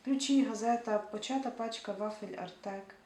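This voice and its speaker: A woman's voice: a little high, moderate pace, a little mellow. A woman reading a novel aloud who breaks off now and then to muse casually about unfamiliar words. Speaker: audiobook reader. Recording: roomy echo, distant mic, faint hiss.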